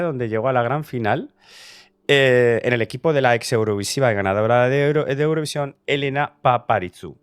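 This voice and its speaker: A Eurovision reaction YouTuber from Spain chats enthusiastically about a song contest entry, casual and talkative, with restarts and fillers. His voice is medium pitched and smooth, and the recording is dry.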